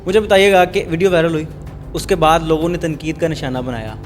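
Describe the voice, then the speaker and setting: A male interviewer pushes his guest with pointed, challenging questions. His voice sits a little high for a man, with faint music underneath. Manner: pressing, challenging.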